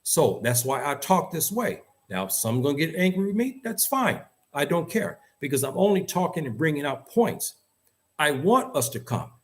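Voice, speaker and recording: A man from the United States with an American accent, working as host and commentator, has a slightly high, sing-song voice at normal speed. He offers opinionated, unscripted talk, insistent and emphatic, leaning on repeated phrases for stress.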